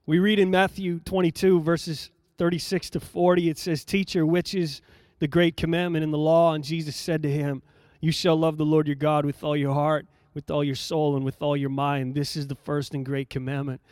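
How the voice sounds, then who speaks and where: A man with a high, smooth and resonant voice delivers a sermon, reading scripture and dwelling on it. He speaks in a measured, emphatic way and repeats key phrases for effect. The sound is dry and close. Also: little pitch movement, darkish tone, dry recording. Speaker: preacher.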